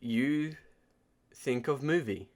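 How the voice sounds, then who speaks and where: A podcast co-host gives casual, enthusiastic pop culture reviews in informal, sweary language. He speaks slowly, with a medium-pitched and slightly mellow voice.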